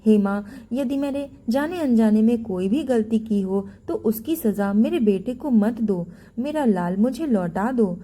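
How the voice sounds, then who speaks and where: A pious, gentle old mother from a village folk tale, voiced by a woman narrator. She pleads and implores in a mellow, warm voice. The telling is storybook style. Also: on the high side, lively intonation, a little slow, hardly any pauses. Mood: desperate pleading.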